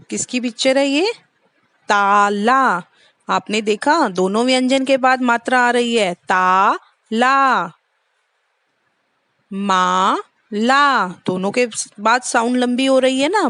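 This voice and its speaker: A young Indian woman teaches little children, stretching each word out in a patient sing-song. Her voice sits a little high and moves at a very unhurried pace. The recording is close and dry, with no room sound. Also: a bit bright, dry recording. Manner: slow, drawn-out sing-song drilling of sounds. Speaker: kindergarten teacher. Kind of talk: online lesson for young children.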